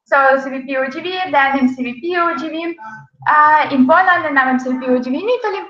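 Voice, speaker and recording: A woman's voice: high voice, fast, sharp tone. A young woman presenting a casual online webinar, chatty, with many fillers and frequent laughs. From Ukraine. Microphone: video call. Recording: echoey, dull video call audio.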